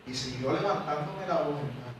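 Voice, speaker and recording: A man's voice: a little high, a little fast, background noise. A man, a pastor telling a personal testimony in a sermon and acting out the dialogue. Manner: animated storytelling, acts out dialogue, swings from loud to quiet. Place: large church sanctuary. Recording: echoey hall, mic from far off.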